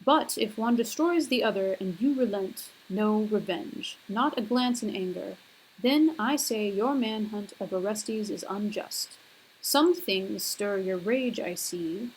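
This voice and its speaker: A woman lecturer putting on a deeper, manly voice for a stern male god, speaking in a slow, measured way. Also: a little hiss or hum, close to an everyday voice, low-quality recording. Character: stern male god defending his deed.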